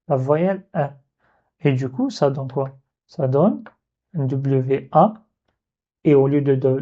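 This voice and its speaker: Male teacher, patient, step-by-step, very dark tone, dull lo-fi recording. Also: fairly high pitch, slightly rough. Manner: patient, repeats and breaks sounds into syllables. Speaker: Arabic teacher. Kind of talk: video lesson.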